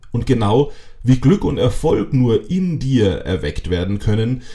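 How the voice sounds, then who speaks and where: A man narrating a self-help audiobook in a scripted, emphatic way, speaking straight to the listener and dropping wry asides. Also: on the low side. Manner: lively, strongly varied intonation.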